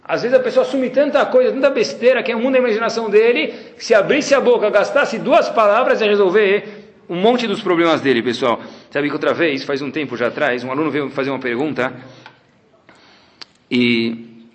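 Man, rabbi lecturing, high lively voice, fast talk, echoey room. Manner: animated storytelling, acting out dialogues. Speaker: rabbi teaching a class. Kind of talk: lecture with anecdotes. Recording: roomy echo.

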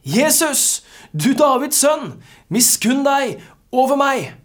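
A preacher voicing a blind male beggar who cries out loudly and pleads for mercy, with a husky voice. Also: high-pitched, big pitch swings, voice pushed up. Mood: desperate pleading. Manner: shouting, pleading.

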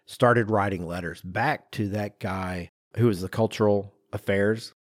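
His fairly low voice keeps fairly even intonation and runs a little slow as he tells animated stories in a casual podcast, co-hosting with an emphatic, self-deprecating, chatty style. The sound is clean studio audio without echo.

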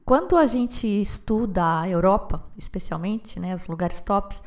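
A woman's voice: medium pitch, lively intonation, a little slow. A woman hosting a podcast, chatting casually and asking her guests follow-up questions. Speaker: podcast host. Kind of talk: casual interview chat.

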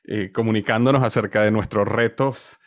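His voice on the low side and his tone steady, a man in his forties speaks at normal speed with a Venezuelan Spanish accent. As a podcast guest, he tells his story in a conversational interview answer, hesitant and often repeating words as he searches. The recording is dry and studio quality.

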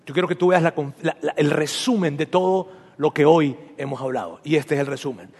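A man's voice: on the high side, brisk, a little mellow, husky, long reverb tail. A man preaching a sermon as pastor, emphatic and repetitive, leading his congregation in spoken declarations. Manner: emphatic, repeats phrases, leads congregation in declarations. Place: church hall.

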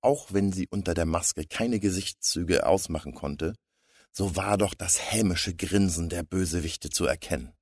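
A man narrating a comic story in a steady storybook reading. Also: deep voice, unhurried, breathy edge, dry recording, clean studio sound.

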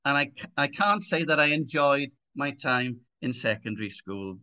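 A man's voice: mid-range voice, expressive, moderate pace, bright, forceful tone. A man in his sixties from Swansea, with a Swansea Welsh accent, giving conversational personal testimony as an interview guest. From Swansea, Wales. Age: 60s.

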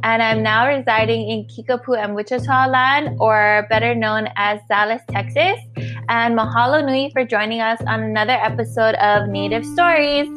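A woman's voice: fairly high pitch, normal speed, fairly bright tone, faint music behind. A woman from Hawaii hosting a podcast, chatting in a friendly, casual way with fillers. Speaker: podcast host.

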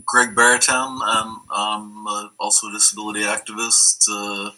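A man giving casual interview answers haltingly, often repeating words. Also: on the low side, level tone, pushed and bright, poor audio.

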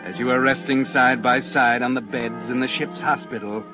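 A man's voice: medium pitch, fairly even intonation, close to an everyday voice. A man as a suspenseful old radio narrator. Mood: steady. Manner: measured, suspenseful. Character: grave male narrator guiding the hero. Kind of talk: 1940s radio drama narration in second person. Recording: lo-fi old radio recording with music.

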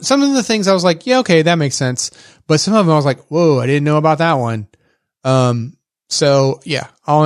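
A Texan man co-hosts a tech podcast, speaking in a fairly high voice captured with clean studio sound and no room echo. He rambles casually, using many fillers and restarting sentences often.

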